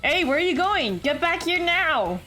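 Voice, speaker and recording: A woman voicing a forceful young male hero in a visual novel, calling out loudly. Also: high voice, animated, normal speed, faint music behind, voice pushed up.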